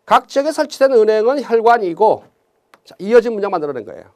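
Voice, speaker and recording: A man teaching exam Korean grammar in a lecture, often putting quick questions to his students. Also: high-pitched, sing-song, dark tone. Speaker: civil service exam Korean instructor.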